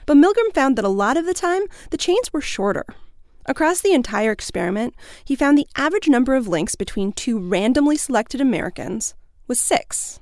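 A woman with a slightly high voice and a gravelly edge co-hosts a podcast. She sounds lively and upbeat while chatting and narrating. The sound is close and dry. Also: a little fast, no room sound. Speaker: podcast co-host. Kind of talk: casual chat and scripted narration.

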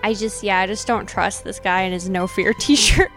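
This podcast co-host speaks at a moderate pace in a steady, fairly bright, medium-pitched voice, with faint music behind her. Chatty and fond of "like" and "you know," she mixes casual conversation with dramatic readings of old notes.

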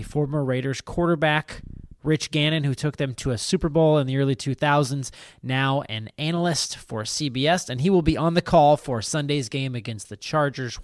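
A man's voice: medium pitch, dry recording. Dry-sounding male podcast host. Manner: conversational, laughs easily, filler words. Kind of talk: casual sports podcast chat.

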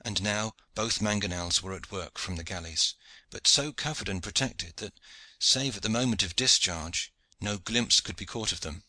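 Low, very bright-voiced male reader. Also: lively intonation, moderate pace, hardly any pauses, no echo. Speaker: audiobook narrator. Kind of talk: scripted narration.

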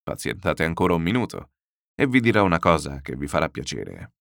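A man's voice: very deep voice, big pitch swings, a little fast, creaky, a bit bright, dry recording, clean studio sound, voice pushed down, full character voice. A man voicing a burly, stubborn male landowner who bargains bluntly and insistently.

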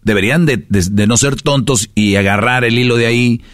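A man's voice: medium pitch, a little fast, a bit bright, dry recording, clean studio sound. A man with a Mexican Spanish accent hosting a casual podcast, lecturing his listeners with rhetorical questions. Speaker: podcast host.

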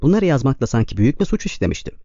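A man's voice: mid-range voice, sing-song, racing, dark tone, slightly rough, no room sound, highs cut off. A man reading an audiobook, voicing a cold, bitter young man who talks impatiently.

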